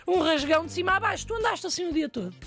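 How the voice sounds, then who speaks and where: Teasing old granny played by a woman, high, raspy-edged, mocking and over the top. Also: expressive, very fast, fairly bright tone, faint music behind, heavily acted. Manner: exaggerating, mocking. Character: blunt teasing elderly grandmother.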